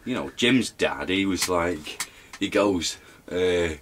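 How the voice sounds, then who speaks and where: Man playing a young lout, very deep voice, rambling, mumbling, boastful, comedy interview. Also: lively intonation, slow pace, a bit bright, a little hiss or hum, exaggerated voice. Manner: rambling, mumbling, full of fillers. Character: dim, boastful young male lout, rough-mannered. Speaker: interview guest.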